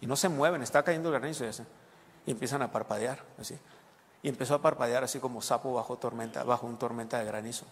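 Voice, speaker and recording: Male pastor, mid-pitched, preaching to a congregation, questioning and explaining, long hall reverb. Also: steady tone, quick pace, a little hiss or hum. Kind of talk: sermon.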